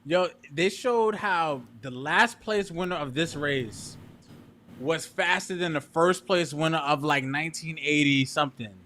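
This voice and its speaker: A young man co-hosting a podcast with his father, relaxed and agreeable in casual chat. He fills his sentences with "like" and keeps an easy tone, and his voice sits a little high for a man. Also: unhurried. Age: young adult. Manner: laid-back, agreeable, says "like" a lot. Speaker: podcast co-host, son.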